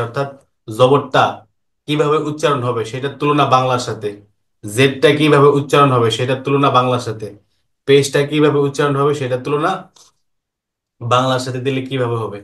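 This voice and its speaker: Man, Quran teacher, online lesson, patient, repeats each answer slowly, mid pitch. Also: steady tone, fairly bright tone. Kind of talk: online lesson explaining Arabic vowel marks.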